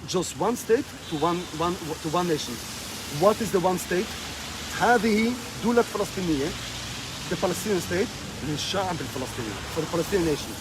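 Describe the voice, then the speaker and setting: Speaking fast and with animation, a man with a high-sitting voice answers an interviewer outside on a rainy street. He repeats himself emphatically to drive his points home, with passing cars and street noise behind him.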